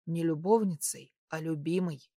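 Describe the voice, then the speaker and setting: A woman voicing a young nobleman who speaks softly and persuasively, often in a near whisper, in an audiobook. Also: low-pitched, normal speed, no room sound, studio quality. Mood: tender. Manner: soft, hushed, whispering.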